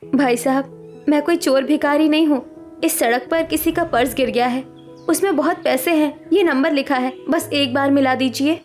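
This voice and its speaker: A woman voices a poor but honest young woman in an animated story. She pleads earnestly in a high voice and keeps her speech plain and sincere. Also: normal speed, soft background music, close to an everyday voice. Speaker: cartoon character.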